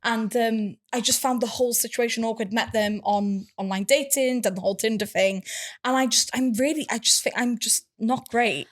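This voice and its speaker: A woman's voice: on the high side, moderate pace. A woman co-hosting a podcast, chatting casually and hesitantly about herself. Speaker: podcast co-host. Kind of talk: casual chat.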